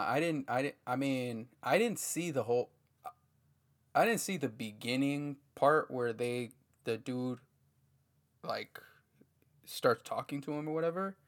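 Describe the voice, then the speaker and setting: A man co-hosting a podcast in laid-back casual chat, often trailing off into quieter asides. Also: medium pitch.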